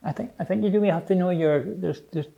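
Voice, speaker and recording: Middle-aged man, Scottish accent, dark mellow voice, slightly slurred without teeth, deliberate and repetitive, reflective interview. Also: high-pitched, vocal fry, dull audio. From Edinburgh, Scotland. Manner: halting, repeats phrases, deliberate. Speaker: interviewee, English teacher.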